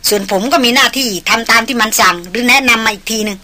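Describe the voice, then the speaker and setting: Woman doing steady male hunter chief, polite, firm, bright clear tone, audiobook. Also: on the high side, quick pace. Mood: calm firm. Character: stern veteran male jungle hunter leader.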